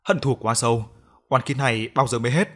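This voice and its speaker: A stern older exorcist, as a narrator puts him on declares what he sees in a solemn, commanding voice. The voice stays close to the narrator's own, measured and grave, as in a spoken ghost story. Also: mid-range voice, a bit bright, natural voice. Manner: solemn, authoritative.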